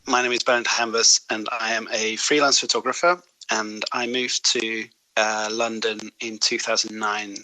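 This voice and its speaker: A man's voice: lowish voice, flat delivery, moderate pace, sharp tone, no room sound, low-quality recording. A man in his forties from Hungary, a native Hungarian speaker, talking reflectively in an interview with frequent hesitations. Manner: reflective, hesitant with many fillers. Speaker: guest photographer. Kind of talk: recorded interview clip.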